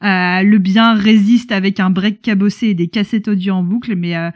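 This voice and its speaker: A woman's voice: medium pitch, fairly even intonation, moderate pace. Woman co-hosting a casual book podcast. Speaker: podcast co-host.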